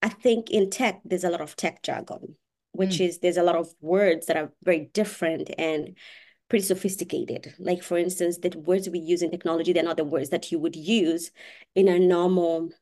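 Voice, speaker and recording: Woman, podcast guest, engineer, animated, laughs a lot. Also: fairly low pitch, moderate pace. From Kenya. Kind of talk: casual interview chat.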